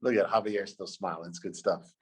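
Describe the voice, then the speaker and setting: A middle-aged man speaking as a guest speaker over a video call, lively, repeating key phrases and calling on listeners by name. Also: sits low, a little fast, husky, poor audio. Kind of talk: motivational talk on video call.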